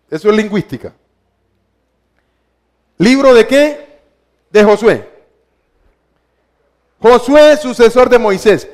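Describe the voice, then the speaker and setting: A male preacher giving a teaching sermon, quizzing his listeners with rhetorical questions and repeating key words. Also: high voice.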